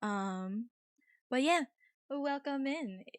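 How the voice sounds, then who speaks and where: A woman with a high voice hosts a livestream in casual, chatty style. She talks informally to viewers, with a dry sound free of room echo. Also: lively intonation, very slow, smooth. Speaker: livestream host.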